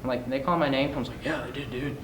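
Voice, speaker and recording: With a medium-pitched male voice, fairly even intonation and a fast pace, a teenage boy delivers a comedic storytelling speech, acting out the dialogue with animation. He's a student speech performer before an audience in a large, echoey indoor room, and the recording is very noisy and echoey.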